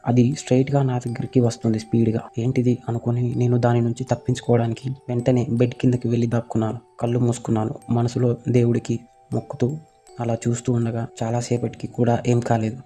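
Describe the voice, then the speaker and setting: A man narrating a first-person horror story in a steady, monotone voice. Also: mid-range voice.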